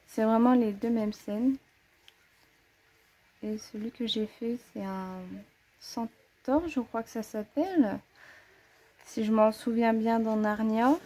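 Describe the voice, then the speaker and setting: A woman's voice: mid-range voice, dark tone, slightly rough. A woman casually showing her coloring books to the camera, chatty, thinking aloud and correcting herself as she goes. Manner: frequent hesitations and "voilà" fillers. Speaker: coloring-book hobbyist presenting her collection. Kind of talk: casual show-and-tell chat to camera.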